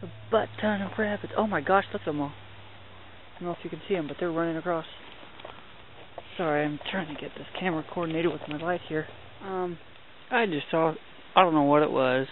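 A hiking vlogger with a fairly high voice gives hushed, fairly quick running commentary while filming a night hike, excitedly chatting as he spots animals and using mild minced oaths. The outdoor audio is thin and tinny, like a cheap handheld camera mic, with faint hiss throughout.

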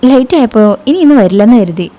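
A woman's voice: a little high, lively intonation, brisk, dark tone, natural voice. A woman voicing an eager young woman, a little sister in love who keeps prying and pleading. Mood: excited prying.

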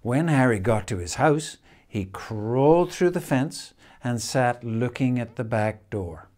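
Slow-reading older man, storybook narrator. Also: mid-range voice, animated, a little mellow. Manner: measured, deliberate phrasing with dramatic pauses. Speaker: storyteller reading a picture book. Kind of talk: expressive children's storybook reading. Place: indoors, room in a house with stone wall.

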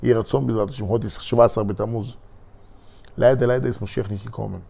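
Gravelly man telling a sermon story. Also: lowish voice, fairly even intonation, a little fast, dark tone. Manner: dramatic storyteller, addressing listeners directly. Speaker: religious teacher.

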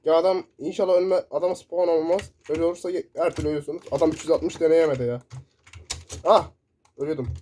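Gamer guy yelling over his match, kinda high but dark voice, keyboard clacking on the desk mic. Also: fast, a little hiss or hum. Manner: excitable, shouting in sudden bursts during play. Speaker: gaming YouTuber. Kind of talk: live gameplay commentary. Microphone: desk mic picking up keyboard. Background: loud keyboard typing.

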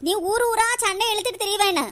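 A woman's voice: very high voice, fast, fairly bright tone. A woman voicing a well-off village woman in a cartoon, aggrieved and pleading with the neighbours. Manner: pleading, aggrieved, repeats "akka". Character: well-off village woman defending her family. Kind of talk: animated cartoon voice acting.

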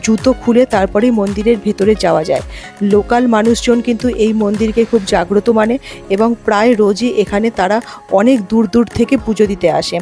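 An Indian travel vlogger chats with viewers and shows them around, mixing voice-over with on-the-spot talk over background music. Her mid-range voice is steady, brisk and dark in tone.

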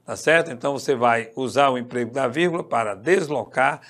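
With a mid-range, fairly bright voice and a fairly quick delivery, a man from Brazil runs an online Portuguese class for exam prep. He speaks emphatically, repeats important points, and checks in often with "tá certo?"

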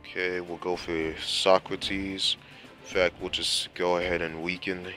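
A man's voice: deep voice, flat delivery, a little slow, pushed and bright. A young man giving casual, rambling gameplay commentary as a channel host, exasperated and slangy. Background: faint game music.

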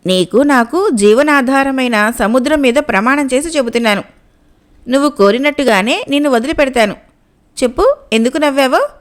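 A simple, pushy fisherman from a storybook, voiced by a woman reading the tale. He keeps pressing his questions and wants answers now, in a high, bright voice. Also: lively intonation, normal speed. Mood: insistent. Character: simple, demanding male fisherman, grown man.

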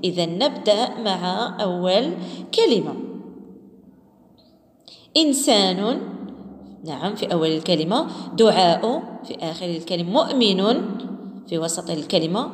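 A woman teacher leading a children's phonics lesson, saying each syllable slowly and clearly and chanting a short rhyme. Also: lowish voice, expressive. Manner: slow, clearly spelled-out syllables and sing-song chanting. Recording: echoey room with long reverb.

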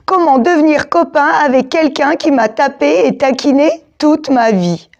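A woman's voice: sits high, moderate pace, a little mellow, lo-fi sound, voice pushed up. Igor, a woman doing a timid little dinosaur. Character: small timid bullied boy dinosaur.

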